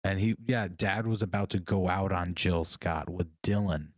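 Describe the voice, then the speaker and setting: A man co-hosting a podcast, telling stories in a casual chat and getting animated when he quotes people. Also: sits low, normal speed, dry recording. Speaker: podcast co-host.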